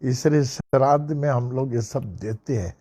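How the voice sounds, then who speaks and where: An older man giving a devotional discourse, telling a story slowly with repeated phrases and bits of English. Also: medium pitch, dark tone. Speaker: spiritual teacher.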